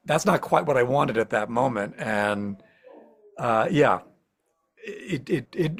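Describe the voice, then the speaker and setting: Animated man, musician guest. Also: mid-range voice. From central Ohio. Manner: animated, acts out his own thoughts in quotes. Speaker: singer-songwriter and music professor guest. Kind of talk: casual interview chat.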